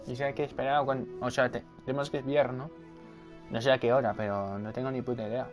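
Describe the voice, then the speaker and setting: A man commenting casually on his game at home at night, muttering quietly to himself. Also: medium pitch, little pitch movement, fast, faint music behind. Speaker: gameplay video creator.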